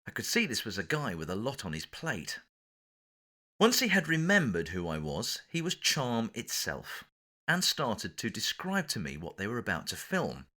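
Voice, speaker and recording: His mid-range voice sounds pushed and bright. An Englishman, he's recording the audiobook of his own memoir, delivering a scripted anecdote with dramatic, theatrical flair.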